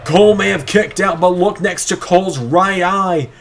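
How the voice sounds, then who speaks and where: A man doing play-by-play as a wrestling commentator, excitable, drawing out the calls of the moves. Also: high voice, moderate pace, over a noisy crowd. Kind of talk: wrestling commentary of a video game match.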